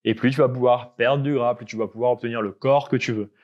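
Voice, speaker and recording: A young man fitness coach explaining tips to the viewer in a casual way, often checking in with a quick "ok?". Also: medium pitch, steady tone, lo-fi sound.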